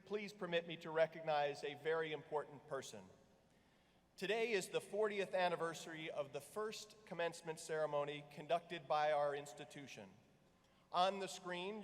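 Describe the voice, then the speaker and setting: Formal president guy giving a commencement speech at the podium, big hall reverb. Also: a little high. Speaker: university president. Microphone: podium microphone. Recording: long reverb of a large hall.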